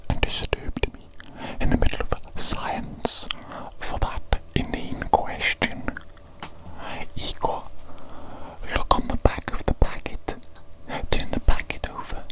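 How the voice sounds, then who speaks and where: Close to the microphone, a woman whispers throughout an ASMR roleplay as a pompous, condescending evil doctor, haughty, self-important and easily exasperated. She speaks slowly, lightly acted, and the mood is exasperated. The recording is rough.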